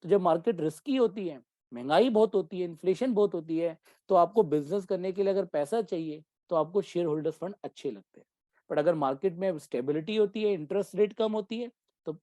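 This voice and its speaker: Mellow-voiced man teaching a class. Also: high-pitched, fairly quick, no echo. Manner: keeps checking in with students; mixes Hindi with English terms. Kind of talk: exam-prep commerce lecture.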